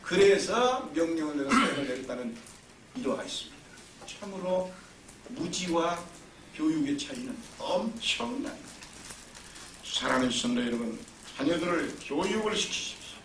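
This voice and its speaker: A male pastor preaches a sermon in a lively, emphatic storytelling style at a moderate pace, his high voice bright and forceful. A distant mic picks him up in a roomy church, with faint background noise.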